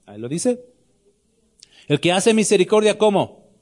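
Pastor, man, somewhat high-pitched, lively sermon delivery full of questions to the flock. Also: moderate pace. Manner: animated preaching, asks the congregation questions, shouts the blind man's cry high.

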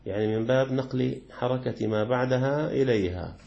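A man's voice: medium pitch, gravelly, highs cut off. A man, a sheikh teaching a lesson on a classical jurisprudence text, who explains patiently, repeats key words, and asks and answers his own questions. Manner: chants the call-to-prayer words slowly.

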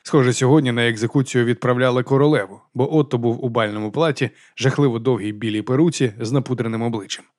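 A man's voice: mid-range voice, steady tone, fast talker, few pauses, darkish tone, dry recording. Man narrating a crime novel, dry. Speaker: audiobook narrator. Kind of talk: scripted narration.

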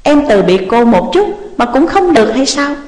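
A woman reading an audiobook voices a tearful, emotional young woman with a high, pleading delivery, in a roomy recording with long reverb. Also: sing-song, normal speed, a little mellow. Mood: angry reproach. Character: young woman, tearful and clinging, then fiery.

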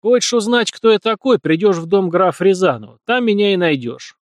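A man's voice: fairly high pitch, expressive, fairly quick, no room sound, clean studio sound, voice pushed up, natural voice. A man voicing an arrogant young male nobleman who talks in scornful, snapping retorts.

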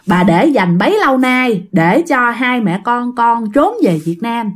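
Woman doing a gentle old grandmother. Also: on the high side, lively intonation, a little slow. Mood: soothing. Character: kindly old grandmother, soothing and protective.

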